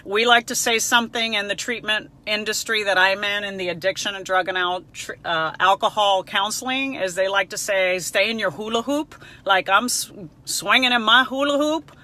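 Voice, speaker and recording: At normal speed, a middle-aged woman whose first language is Spanish speaks in a pushed, bright, mid-range voice. As a counselor on a live stream, she responds to viewers in a chatty, frank, emphatic and personable way.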